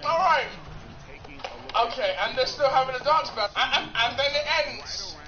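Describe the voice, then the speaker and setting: A young man with a very high voice vlogs casually, laughing often, swearing and repeating himself as he gets excited. His voice sounds distant in a very echoey room. The recording is dull and lo-fi, with music playing behind him. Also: a little fast. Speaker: YouTube vlogger. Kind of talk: casual reaction and product-test vlog.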